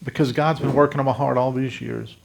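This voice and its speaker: A man in his fifties from South Louisiana preaches his testimony, speaking straight to the people in the pews. His voice has a gravelly edge and sits at an ordinary pitch for a man. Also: fairly even intonation, a little fast. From South Louisiana, USA. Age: 50s. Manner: earnest storytelling, addresses the congregation directly. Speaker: pastor. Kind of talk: testimony sermon.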